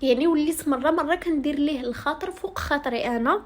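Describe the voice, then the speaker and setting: A young woman with a Moroccan accent, telling her own story to viewers in a rapid, aggrieved first-person retelling. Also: high-pitched, a little hiss or hum.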